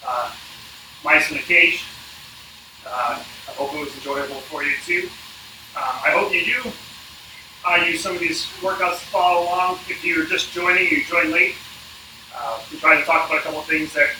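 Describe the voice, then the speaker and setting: A man coaching an indoor cycling workout on a livestream, speaking casually and haltingly with a dry, informal manner. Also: on the high side. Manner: halting, informal, dryly joking. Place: indoors in an apartment. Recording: echoey, distant mic, noisy room.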